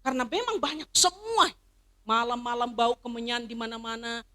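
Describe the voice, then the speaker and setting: A middle-aged woman pastor preaching a sermon, swinging from loud emphatic declarations to soft personal stories. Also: a little high, moderate pace. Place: church service.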